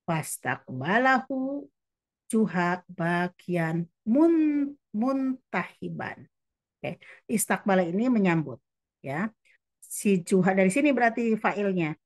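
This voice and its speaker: A woman teaching Arabic who reads each phrase slowly, then translates it and explains it again. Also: mid-range voice, very animated, no room sound.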